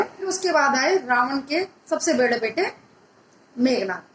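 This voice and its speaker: A woman retelling a religious story in a conversational way, often pausing to correct herself. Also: sits high. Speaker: storyteller, motivational speaker. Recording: echoey room with faint noise.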